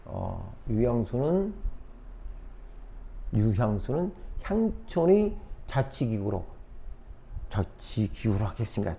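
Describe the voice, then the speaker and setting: Teacher, male, husky low-key timbre, animated delivery, exam review, repetitive. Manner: repetitive, lively, thinking aloud with fillers. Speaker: history teacher.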